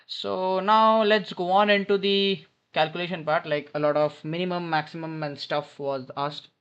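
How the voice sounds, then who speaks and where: A man's voice: high-pitched, steady tone, moderate pace, a bit bright, smooth. A man tutoring maths informally on a headphone mic in an airport lounge, thinking aloud and often correcting himself as he works through a problem. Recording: dull lo-fi headset sound.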